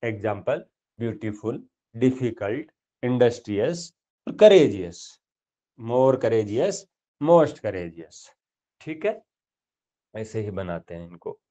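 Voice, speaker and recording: A man's voice: mid-range voice, big pitch swings, warm tone. A man teaching English grammar, stretching out each example word and checking in often with his listeners. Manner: explains step by step, says example words slowly and drawn out; checks in often with "thik hai" and "dekho". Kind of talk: grammar lesson.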